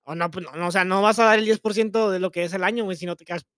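A young man talks in rapid bursts of crude slang. His voice sits high and he argues his points in a loose podcast chat. The sound is dry and close, with no room around it. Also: steady tone, fairly bright tone, dry recording. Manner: crude slang, fast, argumentative. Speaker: podcast co-host. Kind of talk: casual chat.

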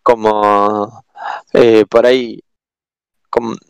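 A man's voice: on the low side, little pitch movement, creaky, clean tone, no room sound. Hesitant Argentine man, dry sound. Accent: Argentine Spanish. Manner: hesitant, many pauses and restarts. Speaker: guest. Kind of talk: casual conversation.

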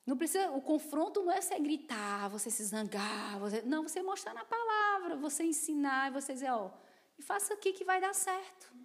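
A middle-aged woman pastor preaching a sermon emphatically, dropping to soft asides and rising to loud declarations. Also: sits high, sing-song, fairly quick. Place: church. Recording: long reverb of a church hall.

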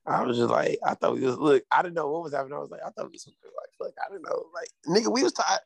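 A man's voice: a little high, animated, rapid-fire, creaky, no echo. A young man casually retelling events in sweary frat-bro slang, peppered with filler words. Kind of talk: casual chat, animated retelling.

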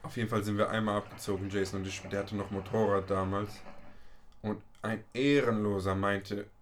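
A man's voice: on the low side, level tone, a little fast, slight background noise. A young man in his twenties chatting casually, telling school stories in heavy slang and cursing freely. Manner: slangy storyteller, swears freely. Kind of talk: casual chat.

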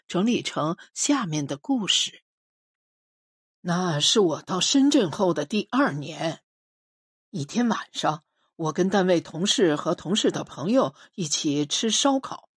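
A woman reading a literary short story aloud as scripted narration, in an expressive, measured storytelling manner. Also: fairly low pitch, slightly rough, no echo, clean studio sound. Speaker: audiobook reader.

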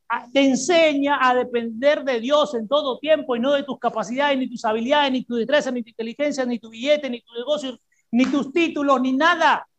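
A woman's voice: high-pitched, dull audio. A woman preacher delivering a sermon to a congregation, asking rhetorical questions, repeating key phrases and having the listeners repeat them back. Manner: emphatic, with frequent repetition. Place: church service before a congregation.

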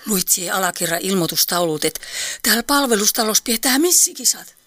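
A woman's voice: mid-range voice, expressive, a bit bright, dry recording, close to an everyday voice. An actress playing a nosy, fussy elderly woman with an Eastern Finnish dialect in a radio play. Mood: fussing. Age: older.

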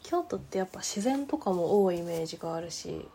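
A woman hosting a casual chat, asking questions in a relaxed way and laughing often. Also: on the low side, a little fast, slight background noise. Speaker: host.

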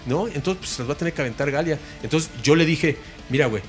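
A man's voice: a little high, quick pace, soft background music. A Mexican man, a guest musician, telling rambling stories in casual chat with many restarts. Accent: Mexican Spanish.

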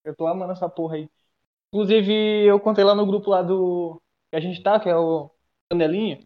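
A man's voice: high voice, fairly even intonation, a little fast, highs cut off. A young man, telling a rambling, profane story to friends over a call, full of restarts. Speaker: guest. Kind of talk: casual storytelling among friends. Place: bathroom, during an online class.

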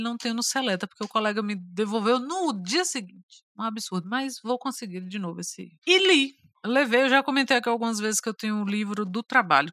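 A woman's voice: fairly high pitch, bright, forceful tone, no echo, studio quality. A Brazilian woman co-hosting a podcast, chatting enthusiastically and emphatically about books, often repeating her phrases. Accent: Brazilian Portuguese. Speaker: podcast co-host. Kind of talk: casual book chat.

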